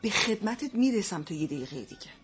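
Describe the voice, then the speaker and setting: A woman playing a sharp-tongued mother who scolds her son, in a scripted family drama. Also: extremely high pitch, lively intonation, a little hiss or hum. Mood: scolding. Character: nagging but curious mother, wife of an online trader.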